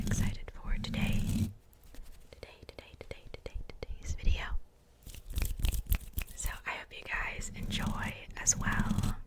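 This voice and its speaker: Soft repetitions and pauses between phrases mark this ASMR unboxing, led by a woman whispering in a breathy, unvoiced way. She's the host of the video.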